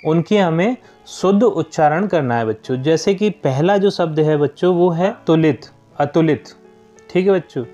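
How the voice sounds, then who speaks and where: A man's voice: high-pitched, darkish tone. A young man teaching children, explaining a school worksheet step by step and repeatedly addressing his pupils. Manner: patient, keeps addressing children.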